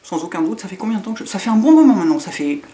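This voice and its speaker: A woman's voice: medium pitch, sing-song, rapid-fire, warm tone. Lisping Frenchwoman chatting casually. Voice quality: lisp, slushy s sounds. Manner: rambling, digressive, self-mocking, colloquial. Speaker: beauty vlogger. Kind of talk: casual chatty beauty vlog.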